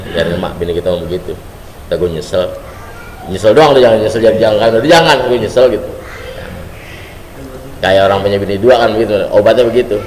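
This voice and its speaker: A man's voice: fairly low pitch, darkish tone. A man preaching a humorous sermon, telling stories in casual slang. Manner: joking storyteller, colloquial slang. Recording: reverberant hall, faint background noise.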